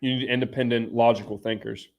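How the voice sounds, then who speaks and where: A man's voice: medium pitch, fairly even intonation, fast talker. A man hosting a live stream, chatting off the cuff in a blunt, informal way with slangy asides. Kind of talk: casual unscripted live stream chat.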